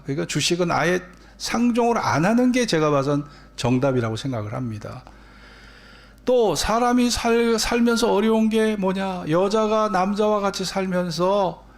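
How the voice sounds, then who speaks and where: Gravelly man preaching a sermon. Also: high voice. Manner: repeats phrases, prods listeners with quick questions. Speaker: pastor. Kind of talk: Sunday sermon. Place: church sanctuary.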